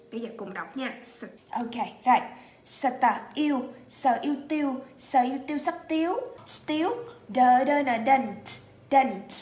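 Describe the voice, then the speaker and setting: A woman with a Vietnamese accent teaching English to children, speaking slowly and repeating words so pupils can echo them. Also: high voice. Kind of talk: bilingual lesson for children.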